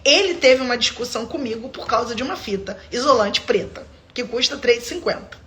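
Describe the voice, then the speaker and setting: A high-pitched woman hosts a live stream from home. She delivers a personal faith testimony as an emphatic storyteller and keeps turning to address her viewers directly. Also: lively intonation, fairly quick, a bit bright.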